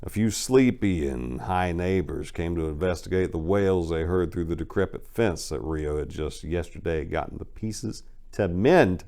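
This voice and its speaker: An author and show host reads his own crime fiction dramatically, then talks to listeners informally in an emphatic, colloquial, folksy way. His voice is low and dark, moving at a moderate pace with few pauses.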